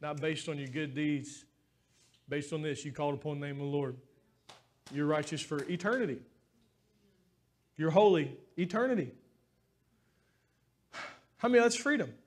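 A man's voice: a little high, normal speed, pauses often. A man preaching a sermon as pastor in a church, talking in an earnest, heartfelt, conversational way.

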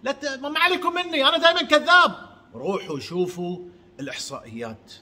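A man giving a heated religious monologue, swinging between shouts and low mutters. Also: big pitch swings, fast. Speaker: channel host.

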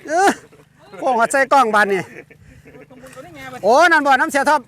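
A fishing vlog host with a Northeastern Thai Isan accent narrates casually for viewers at a rural pond, exclaiming often and repeating words. His voice is extremely high-pitched at a normal speed, against a noisy background.

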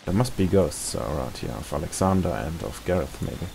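A man's voice: deep voice, expressive, normal speed, creaky, a little mellow, faint music behind. A man with a German accent giving wry, dry commentary while playing a game. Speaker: gameplay commentator. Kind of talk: let's play commentary.

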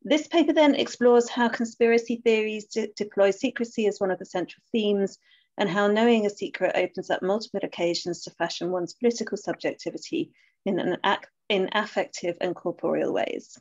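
A woman with an Essex accent chairs an academic webinar over a video call, speaking hesitantly with many fillers and restarts. Her medium-pitched voice is a little mellow and fairly quick. The call audio is dull and lo-fi.

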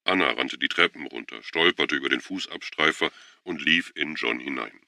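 A man narrating an audiobook in a steady, measured way on a close studio mic. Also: rumbling low, gravelly, a little hiss or hum. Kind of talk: scripted narration.

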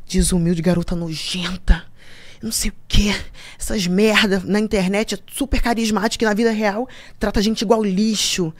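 A woman's voice: mid-range voice, moderate pace. A woman, a podcast guest, telling stories in casual chat and acting out the other people in them. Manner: animated, acts out other people's voices while telling stories.

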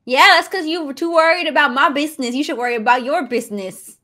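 A woman's voice: sits high, fast, bright, forceful tone. A woman co-hosting a co-op game video, giggly and playful, shrieking at dangers. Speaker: gaming co-host. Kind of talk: playful gaming banter.

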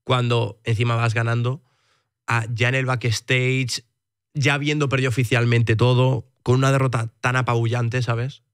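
A man's voice: mid-range voice, level tone, moderate pace, fairly bright tone, smooth, no room sound, clean studio sound. A man from in a casual esports podcast, earnestly explaining himself with lots of hedges and tag questions. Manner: earnest, explains with many hedging tags. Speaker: podcast guest defending his own comments.

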